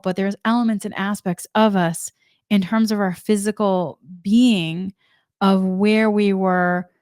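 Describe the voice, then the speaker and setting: This woman, a spiritual channel host from Massachusetts with a faint Boston accent, delivers a spiritual energy forecast in an earnest, rambling manner, stumbling over words and restarting. Her mid-range voice is clear, resonant, and a little mellow. The studio sound is clean with no echo.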